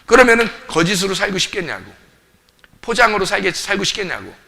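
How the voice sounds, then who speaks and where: A man's voice: high-pitched, big pitch swings, brisk, gravelly, bright, forceful tone. A male pastor preaching a sermon, emphatic and full of rhetorical questions to the congregation, recorded in a church sanctuary. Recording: long reverb of a church hall.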